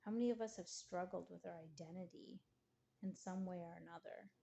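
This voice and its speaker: A woman giving an earnest devotional talk, reading scripture and slowing down to near-whisper on key phrases. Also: fairly low pitch, creaky, warm tone, a little hiss or hum.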